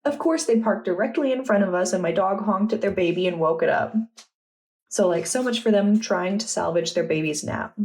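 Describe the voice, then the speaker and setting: A young adult woman vlogger chatting in a relaxed, enthusiastic way as she walks through her journal. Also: medium pitch, normal speed. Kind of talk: casual vlog narration.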